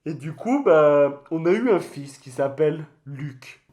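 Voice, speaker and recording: A man's voice: fairly high pitch, animated, measured pace, a little mellow. A man voicing a touchy, boastful mascot creature in a comic mock interview, rambling in crude slang. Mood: boastful, enthusiastic. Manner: slangy, crude, hesitant rambling storytelling with outbursts.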